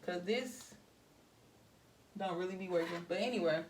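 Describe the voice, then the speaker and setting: A woman's voice: on the low side, moderate pace, a little hiss or hum. A young woman vlogger chatting animatedly to viewers while doing her hair, telling a story about work. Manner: animated, talks to viewers as y'all. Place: home, getting ready. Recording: voice somewhat far from mic.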